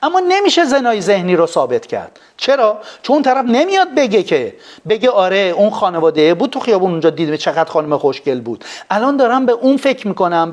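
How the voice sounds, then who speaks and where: A man, a psychologist, giving an animated lecture on a live stream, full of rhetorical questions. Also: sits high. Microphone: phone.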